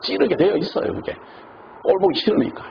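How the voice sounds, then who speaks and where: This male preacher speaks a little quickly, his voice sitting high with some vocal fry, and he dramatizes the speech of those he quotes with real animation. Audio is muffled, noisy, and lo-fi.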